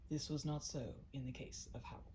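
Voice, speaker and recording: This woman's voice is low and warm, fairly quick, with little pitch movement, and the rough recording carries a bit of hiss or hum. Hosting as a storyteller, she reads her own short stories after a cozy roleplay chat with the listener, keeping an intimate one-to-one feel that's chatty and slightly self-conscious.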